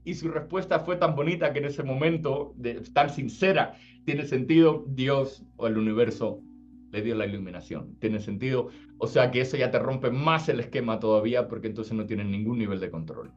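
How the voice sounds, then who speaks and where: A man's voice: mid-range voice, brisk. Spiritual teacher, man, casual and chatty, slightly dull sound, faint music behind. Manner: casual, asks "does it make sense?" often. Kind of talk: informal spiritual talk.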